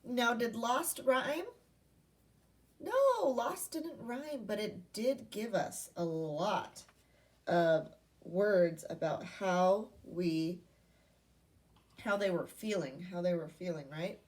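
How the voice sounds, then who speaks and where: This primary school teacher speaks at a slow pace and medium pitch, sitting far from the mic. She is giving a read-aloud lesson to young children, using simple instructional phrases and asking them questions.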